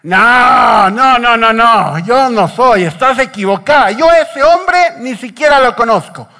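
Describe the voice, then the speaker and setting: Male preacher doing an impulsive fisherman in a frantic panic, pitched high and loud, within a spoken sermon. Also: animated, a little slow, exaggerated voice. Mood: frantic denial. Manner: frantic, repeated denials. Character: panicked fisherman disciple, middle-aged man, impulsive.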